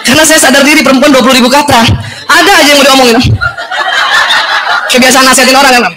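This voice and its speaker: High-voiced animated woman lecturer. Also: racing, heavy background noise. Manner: animated, acts out quoted dialogue, laughs often. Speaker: religious lecturer. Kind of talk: lively religious talk to women.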